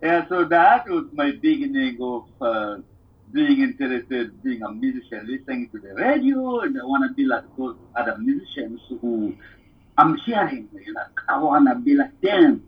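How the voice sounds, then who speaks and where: A man's voice: mid-range voice, very animated, normal speed, breathy edge, recorded from a distance, muffled recording. A man, a musician guest telling his story in an earnest, plain-spoken way from his living room. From Democratic Republic of Congo. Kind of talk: casual interview storytelling. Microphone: remote call.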